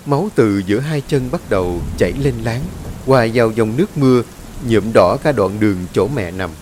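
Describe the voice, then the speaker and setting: Male horror-story narrator, lively pitch, faint rain behind. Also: normal speed, slight background noise. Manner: dramatic, expressive reading.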